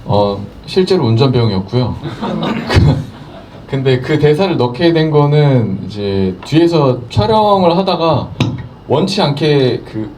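A man's voice: on the high side, expressive, takes it slowly, a little mellow, distant mic, slight background noise. A man actor telling a story at a film Q&A, acting out the lines he quotes. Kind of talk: animated storytelling at a Q&A.

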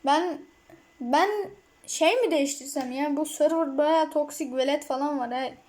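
A woman giving casual gameplay commentary, excitable and rambling, with frequent outbursts. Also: high-pitched, measured pace. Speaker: mobile gamer.

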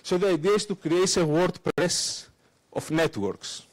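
A conference speaker with a high voice gives a technical talk with a live demo, holding a handheld mic in a lecture room. He speaks haltingly, with many fillers, restarts, and non-native phrasing.

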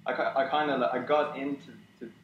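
A man's voice: mid-range voice, steady tone, a little fast. A young man, a guest in a casual interview, talking hesitantly with many fillers and restarts. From Ireland. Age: young adult. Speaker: guest concept artist. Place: small room at home, indoors. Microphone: video call webcam. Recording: dull roomy webcam audio with faint noise.

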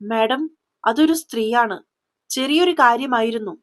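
Woman narrator doing a scared, flattering male inspector; slightly high pitch, storybook read. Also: unhurried. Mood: nervous. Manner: fawning, then stammering. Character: nervous fawning male police inspector.

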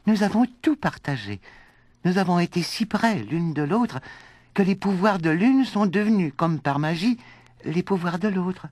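A man voicing a gentle young girl with cat ears in a read-aloud storybook, soft and earnest. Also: high-pitched, lively intonation, measured pace, no room sound, voice pushed up.

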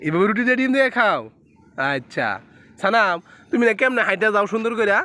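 A woman's voice: a little high, lively intonation, fast, bright, forceful tone. A woman playfully coaxing a small child, asking him question after question in casual talk. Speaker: parent filming her toddler.

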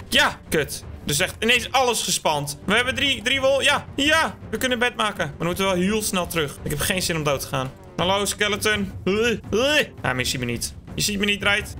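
A man giving excitable, joking let's play commentary, mocking himself and yelping now and then. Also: a little high. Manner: excitable, joking, self-mocking, sudden yelps. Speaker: gaming YouTuber.

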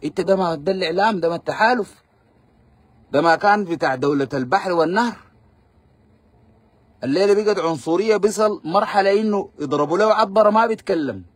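A man's voice: high voice, no room sound. A man with a Sudanese Arabic accent giving combative, fiery political commentary on a live stream.

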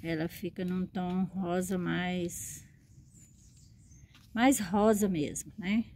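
A woman's voice: on the low side, fairly even intonation, slow pace, a little mellow, slight background noise. A woman, a succulent grower and seller, chatting fondly in a show-and-tell vlog and often checking in with her viewers.

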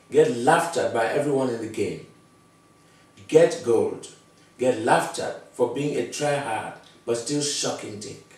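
Male, middle-aged, scripted comedy piece, unhurried and clipped delivery, distant mic with strong room echo. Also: medium pitch, a little mellow. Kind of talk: scripted comic monologue. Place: small bare-walled room indoors.

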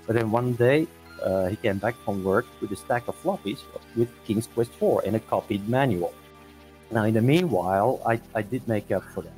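A man's voice: on the low side, moderate pace, darkish tone, soft background music, low-quality recording. A man in his forties from Belgium, a guest answering questions in a casual video-call interview, hesitant with many restarts. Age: 40s.

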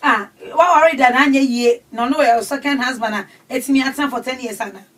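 Brief: middle-aged Ghanaian woman, lively radio counselor, high voice, distant room sound. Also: a little fast. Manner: animated, standing and gesturing. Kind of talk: call-in advice show. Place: small radio studio. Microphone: studio mic, camera across the room. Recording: distant camera audio in studio.

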